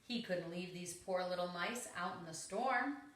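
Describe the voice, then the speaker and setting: A woman reads a children's story aloud, expressive and dramatic in her emphasis, in a lowish, fairly bright voice at a measured pace. The home recording sounds roomy and echoing.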